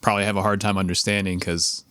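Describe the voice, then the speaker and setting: A man's voice: low-pitched, little pitch movement, fast, a bit bright, clear, resonant tone, no echo, studio quality. A young man co-hosting a podcast, chatting casually in a laid-back, jokey way. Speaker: podcast co-host. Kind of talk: casual chat.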